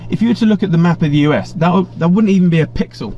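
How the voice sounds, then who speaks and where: Rapid-fire and high-voiced yet dark in tone, this English livestream host runs a casual Q&A off viewer chat, rambling chattily with blunt asides and lots of restarts. His webcam setup yields slightly muffled stream audio with slight background noise.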